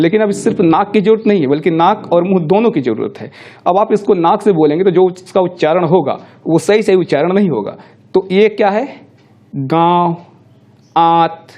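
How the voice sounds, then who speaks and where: A man's voice: fairly high pitch, mellow. A middle-aged male teacher giving a classroom lecture, explaining step by step and answering his own questions.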